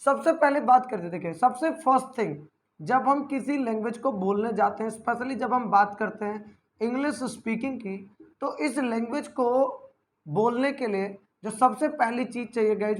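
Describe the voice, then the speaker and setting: A man's voice: very high-pitched, moderate pace. Man teaching a spoken-English class. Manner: explains patiently, keeps calling out "guys", spells words letter by letter. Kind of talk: online spoken-English lesson.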